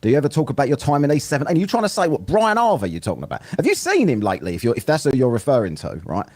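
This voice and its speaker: A man's voice: mid-range voice, huge pitch swings, very fast, a little mellow, dry recording. A man hosting a live stream, chatting casually and greeting viewers one by one. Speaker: livestream host reacting to a debate video.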